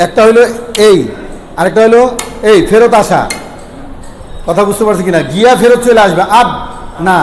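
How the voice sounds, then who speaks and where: Guy teaching quran reading, high voice, echoey room with a bit of hiss. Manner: repeats sounds slowly, asks the class questions. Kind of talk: explaining Arabic pronunciation lesson. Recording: echoey room with faint ambient noise.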